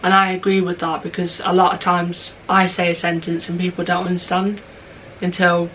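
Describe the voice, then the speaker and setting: A woman's voice: on the low side, completely flat delivery, normal speed, fairly bright tone, slight background noise, low-quality recording. A young woman with a chavvy British accent, hosting a reaction video in casual, slangy chat. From Britain. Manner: slangy, informal speech.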